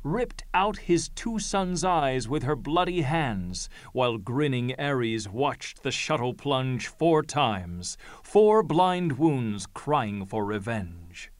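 A grave elder of the Greek chorus, acted by a man declaims tragic verse slowly and solemnly. The voice is measured, in a close, dry recording. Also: medium pitch, expressive, dry recording. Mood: solemn lament. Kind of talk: classical Greek tragedy verse recital.

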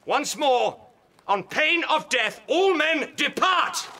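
A man's voice: very high voice, lively intonation, slow pace, pushed and bright, exaggerated voice. An actor playing a stern, commanding male prince who proclaims his judgment in Shakespearean stage acting.

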